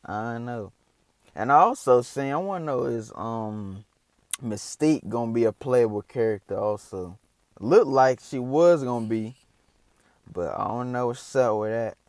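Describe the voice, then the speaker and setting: Male reaction host, casual slangy chat, average pitch, very dry recording. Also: a little slow, darkish tone, no room sound. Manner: slangy, loose, rambling.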